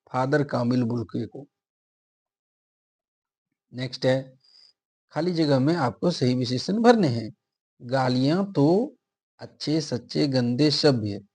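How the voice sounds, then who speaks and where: A man's voice: mid-range voice, dark tone, slightly rough. A man teaching an exam-prep grammar lesson, explaining step by step and repeating each answer option aloud.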